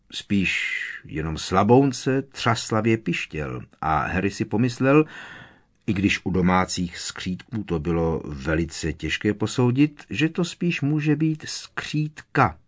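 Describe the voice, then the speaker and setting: A man narrating an audiobook with expressive storytelling. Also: lowish voice. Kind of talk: scripted narration.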